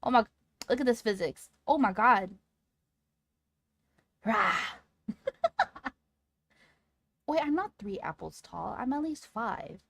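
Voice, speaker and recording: A woman livestreamer chatting casually with her audience in a cute, playful, excitable anime-streamer manner. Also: fairly high pitch, measured pace, gravelly, long pauses. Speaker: livestreamer talking to chat.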